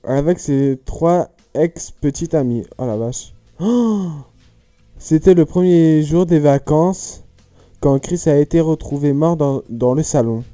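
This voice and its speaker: Man, casual riddle-solving chat, rambling and jokey, very dark mellow voice, dry close sound. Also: on the high side, measured pace, clear, resonant tone, no room sound, faint music behind. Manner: rambling, jokey, self-correcting. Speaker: youtuber.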